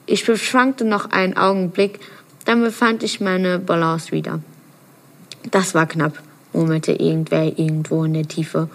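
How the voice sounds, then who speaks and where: A woman reading a first-person novel passage aloud, earnest and now and then stumbling and correcting herself. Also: lowish voice. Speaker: reader of a novel excerpt.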